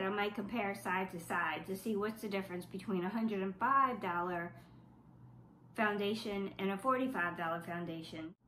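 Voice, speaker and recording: This is a South Louisiana beauty vlogger doing an informal makeup review while stuffed up from the flu. She's wry and doubtful as she reads the product claims aloud. Her voice is highish and fairly bright, in a roomy space with a little hiss or hum.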